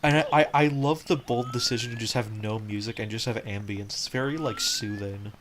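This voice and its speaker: A man's voice: medium pitch, a little fast, background noise. A man giving casual, rambling commentary while he plays a game, full of "like" and restarts. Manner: rambling, fills talk with "like", frequent restarts. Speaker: game streamer. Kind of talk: casual let's-play commentary. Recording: game music playing behind.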